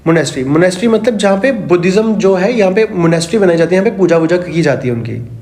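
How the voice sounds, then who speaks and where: A man speaks in a noticeably high voice as he teaches an exam prep history class. He keeps asking rhetorical questions and answering them, repeating key terms over and over. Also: lively intonation, fast, a little mellow. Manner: explains with rhetorical questions and repetition.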